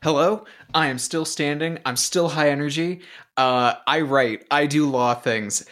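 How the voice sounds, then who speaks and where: A young man co-hosting a podcast in casual chat, excitable and rambling, swearing freely. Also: on the high side, measured pace. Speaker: podcast co-host.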